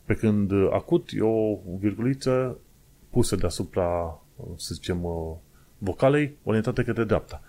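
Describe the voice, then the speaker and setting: A man from Romania talks straight to his viewers in a loose, conversational monologue. His voice sits fairly low, and he explains patiently, wandering off on small tangents and pausing to find his words. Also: dark tone. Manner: chatty, digressive, explains step by step with hesitations.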